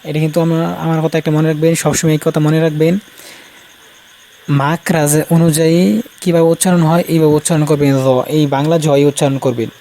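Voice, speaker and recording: Male teacher, slightly high voice, slow repetitive drilling, faint crickets and ambient noise behind. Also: level tone, warm tone, low-quality recording. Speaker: Quran recitation teacher. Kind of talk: informal spoken lesson.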